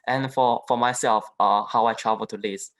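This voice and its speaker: A young man from southern China, a native Chinese speaker, giving a halting panel talk as an international student, with frequent restarts and fillers. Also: medium pitch, fairly even intonation, a bit bright, low-quality recording. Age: young adult. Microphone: video call.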